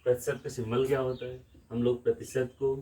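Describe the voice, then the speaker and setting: A man's voice: medium pitch, flat delivery, fairly quick, warm tone, distant mic, low-quality recording. A man with a Lucknow Hindi accent teaching a maths lesson from a room in a village, explaining step by step and asking questions back to the class.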